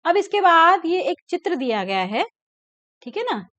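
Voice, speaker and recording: A woman's voice: very high voice, very animated, fairly bright tone, dry recording. Patient woman teacher, dull dry recording. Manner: patient, repeats words slowly and checks in with "ठीक है ना". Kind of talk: classroom lesson explaining a textbook.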